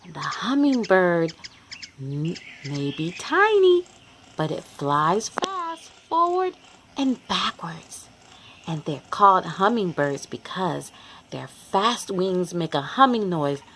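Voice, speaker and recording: Reading a picture book aloud for young children, a female host speaks to them directly, expressively voicing the animal sounds. Her lowish voice is sing-song and fairly bright, and she goes at a slow pace.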